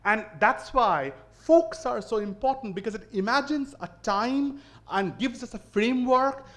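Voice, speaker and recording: A man with an Indian English accent gives a seminar lecture to college students. His voice sits high for a man. He talks in an engaging way, puts questions to the room and often restarts his phrases. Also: expressive, unhurried, fairly bright tone. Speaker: seminar speaker.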